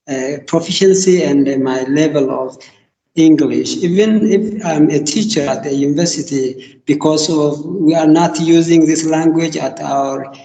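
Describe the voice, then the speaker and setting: A man from Ethiopia speaks very slowly and with care, in a mellow, somewhat high voice. His call audio carries a long, roomy echo and faint hiss. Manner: slow, careful, hesitant non-native phrasing. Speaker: university computer teacher. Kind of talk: casual conversation practice. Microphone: online call.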